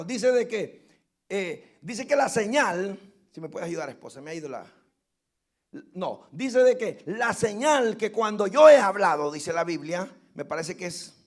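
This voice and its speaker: A man preaching a sermon as pastor, calling his listeners brothers and driving points home with loud repeated lines. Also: fairly high pitch. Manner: preaching with sudden loud emphasis and repeated phrases.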